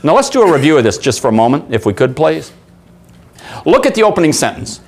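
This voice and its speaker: Man, seminar trainer, lively swooping voice, slightly high, acts out stories, quizzes the room. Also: quick pace. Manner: animated storyteller, acts out voices, asks the audience. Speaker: sales trainer. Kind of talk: seminar talk with acted anecdotes. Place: room with an audience.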